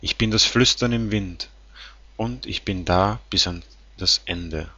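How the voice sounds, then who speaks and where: Slow deep-voiced man reciting tenderly. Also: sharp tone, no echo. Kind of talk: slow spoken reading of song lyrics. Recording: dull lo-fi sound.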